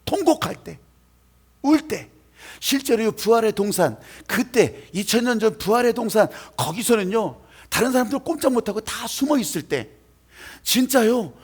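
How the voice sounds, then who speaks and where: A male pastor preaching an emotional sermon, swinging between loud exhortation and hushed, quiet passages. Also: very high-pitched, expressive, normal speed, slightly rough. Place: church sanctuary.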